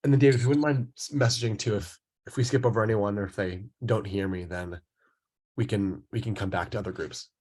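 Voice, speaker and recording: Male moderator, husky and mellow, casual hosting of an online session. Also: on the low side, steady tone, a little fast.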